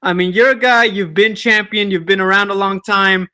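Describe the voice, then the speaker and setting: A male sports reporter asks a press conference question. His voice is high for a man, with a bright, forward edge. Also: fairly even intonation, moderate pace.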